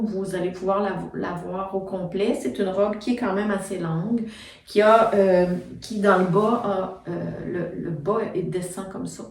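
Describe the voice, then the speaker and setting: A middle-aged woman with a Quebec French accent chats through her sewing projects, step by step, with plenty of fillers. She is recorded on a phone set back from her. The room is echoey, so her voice sounds roomy and a little distant. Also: mid-range voice. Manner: chatty, explains step by step with many fillers. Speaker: knitting and sewing vlogger. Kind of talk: casual show-and-tell chat. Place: home, filmed on a phone. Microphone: phone camera set back from her.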